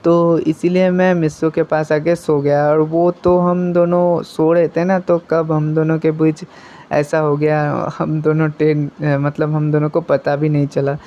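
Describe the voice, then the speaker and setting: Man reading a bashful, hesitant teen girl; mellow, lo-fi. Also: on the high side, level tone, unhurried. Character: shy bashful teenage girl. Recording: muffled lo-fi recording.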